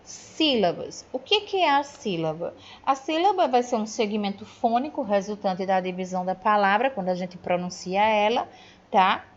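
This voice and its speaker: A woman's voice: medium pitch, animated, normal speed. A Brazilian woman teacher going over grammar in a recorded review lesson, explaining step by step and checking in with her students. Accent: Brazilian Portuguese. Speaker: Portuguese teacher. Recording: dull lo-fi audio.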